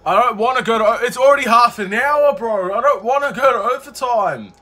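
A man giving excitable live commentary on his own video game, swearing and calling out "bro" often. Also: very high voice, fairly quick, faint music behind. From Australia. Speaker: gaming YouTuber.

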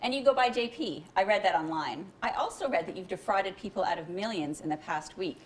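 A woman's voice: mid-range voice, lively intonation, fairly quick, a little hiss or hum, close to an everyday voice. A woman reading the lines of a smug, condescending young woman hacker at a bookstore reading, in a cool, matter-of-fact way. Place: bookstore event.

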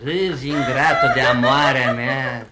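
A man playing a pompous, flowery young suitor in an old radio play, grandiloquent and excitable. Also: mid-range voice, over a noisy crowd, natural voice. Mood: declamatory. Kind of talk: 1950s radio theatre acting. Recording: old radio theatre recording.

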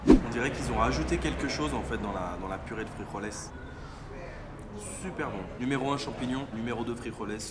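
Un homme qui tourne un vlog culinaire décontracté et parle la bouche pleine en mangeant à un stand de rue. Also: male voice, mid-range voice, a little fast, a loud crowd. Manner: chatty, talks while eating. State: mouth full. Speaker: vlogger. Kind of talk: casual food vlog. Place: outdoors at a street food stall. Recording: loud background noise.

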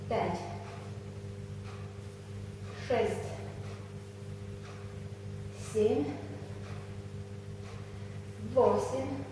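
A young woman leading an exercise class as instructor, giving short measured commands and counting repetitions while she moves. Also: mid-range voice. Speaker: fitness instructor. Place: small indoor exercise studio. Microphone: camera a few metres away. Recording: echoey room, distant mic, clear noise.

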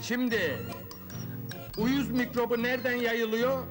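High-voiced earnest small-town fake doctor. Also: male voice, fairly even intonation, measured pace, music in the background. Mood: firm, lecturing. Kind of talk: old comedy film acting.

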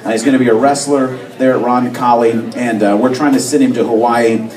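A man's voice: medium pitch, steady tone, brisk, a little mellow. A man hosting a live bar event on stage, speaking into a handheld mic with many "uh" fillers. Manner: hesitant, with frequent "uh" fillers. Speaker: event host. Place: bar stage before a crowd. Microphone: handheld mic, far camera. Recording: echoey bar from far off, crowd noise. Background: crowd chatter.

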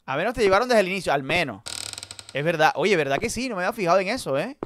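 A man streaming a horror game live, talking to his chat and swinging between mutters and loud outbursts. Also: high-pitched, expressive, racing, slight background noise. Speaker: gaming streamer. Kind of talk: live let's-play commentary.

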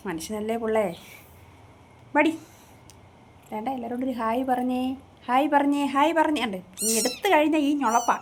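A woman chats earnestly to her own phone camera, held in her hand in a room at home. She rambles along in an even, middle-range voice, circling back to the same points, while a faint hiss sits under her words. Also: medium pitch. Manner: earnest, rambling, repeats herself. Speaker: vlogger. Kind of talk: casual chat to camera.

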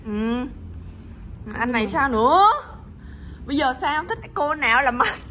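Bright, high woman. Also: animated, measured pace, slight background noise. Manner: teasing, coaxing, laughs often. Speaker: pet channel host. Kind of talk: casual chat to her pets.

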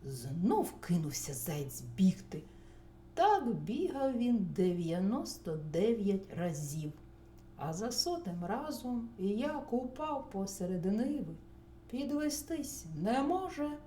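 A woman narrating a children's bedtime story, gentle and expressive with soft whispered asides. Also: medium pitch, slow. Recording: roomy recording, faint hum.

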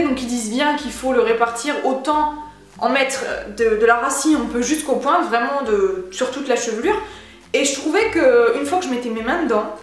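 A woman's voice: high voice, heavy reverb. A young woman chatting casually through a beauty haul vlog, slangy and enthusiastic. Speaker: beauty vlogger.

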